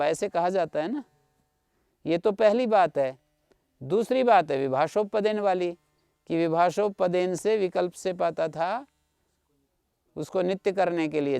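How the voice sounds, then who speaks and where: A man lecturing on grammar in a high, smooth, clear voice with a gravelly edge. He explains patiently, goes over each point more than once and stops to check whether his students follow. The sound is dry and close. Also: darkish tone, dry recording. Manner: patient, repeats points, checks understanding with listeners. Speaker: Sanskrit grammar teacher. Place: online video class.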